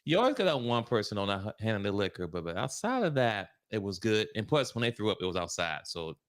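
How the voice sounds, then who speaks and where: A man's voice: on the low side, very animated, quick pace. A man co-hosting a casual livestream chat, telling laid-back stories and laughing along. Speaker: co-host.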